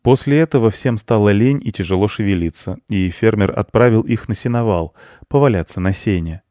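A man calmly reading a children's story aloud, voicing the farmer in his own voice. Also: on the low side, brisk, no echo, clean studio sound. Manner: calm storytelling, plain farmer voice for dialogue. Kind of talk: children's audiobook narration.

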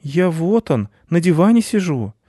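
A man's voice: a little high, sing-song, unhurried, warm tone, no room sound, clean studio sound, voice pushed up. A man voicing a stubborn young boy who whines and protests in a storybook reading. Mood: protesting. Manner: whiny and protesting. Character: young boy hooked on his phone, stubborn.

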